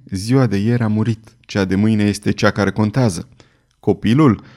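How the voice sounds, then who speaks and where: A man's voice: mid-range voice, a little mellow, close to an everyday voice. Guy reading as an icy vengeful queen, audiobook, bossy and cold. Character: scheming ruthless queen, middle-aged woman.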